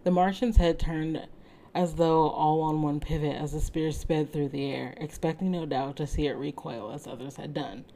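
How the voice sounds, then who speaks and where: A woman reading a story aloud in a casual way, steady and measured, now and then breaking off to comment. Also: low-pitched, a little hiss or hum, rough recording. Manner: reads steadily, breaks off to laugh and make asides. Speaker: reader.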